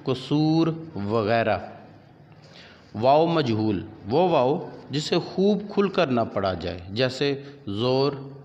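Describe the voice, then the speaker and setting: Slow deliberate male teacher with an Urdu accent. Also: mid-range voice. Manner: slow, deliberate, listing examples one by one. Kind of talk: grammar lesson. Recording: dull lo-fi audio with long reverb and faint background hiss.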